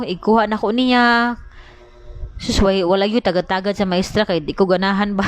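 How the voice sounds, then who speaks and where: A young woman with a Cebuano accent, chatting casually as a mother vlogging, complaining and mimicking others. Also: a little high. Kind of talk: casual vlog chat.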